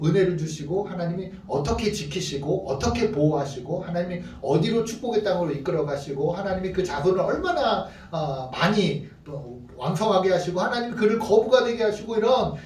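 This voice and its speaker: A man's voice: sits high, reverberant, recorded from a distance, slight background noise. A middle-aged man from Korea preaching a sermon as a pastor, telling stories and asking the congregation questions. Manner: animated storytelling, asks the congregation questions.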